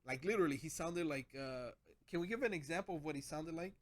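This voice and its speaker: A man's voice: on the high side, fast. A man hosting a casual gadget vlog, rambling with lots of restarts as he explains his setup. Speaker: channel host.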